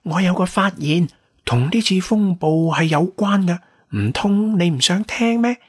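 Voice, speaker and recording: A woman's voice: fairly low pitch, animated, a little slow, slightly rough, no echo, clean studio sound, voice pushed up. A man voicing a playful, sly young woman who teases and provokes in a storybook reading. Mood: teasing. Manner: teasing, coy.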